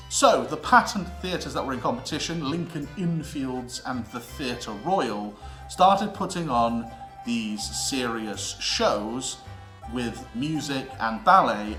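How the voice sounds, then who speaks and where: Presenting a theatre history series, a British man with a medium-pitched voice reads an educational script. His tone is bright and forceful, his delivery theatrical and emphatic with deliberate pauses. Music runs underneath, and the room has a noticeable echo.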